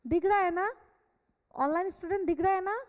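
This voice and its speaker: Very high-pitched and fairly quick, this Indian woman lectures her company law class in Hindi and English, instructing, repeating key points and checking students keep up. Her classroom, with students also online, has echoey, hall-like reverb.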